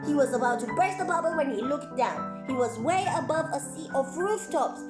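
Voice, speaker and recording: A woman in the role of a clown reads a story to children, exclaiming expressively and chatting aside with her young listeners. She speaks in a high voice at a moderate pace; the room echoes, and music is faintly audible.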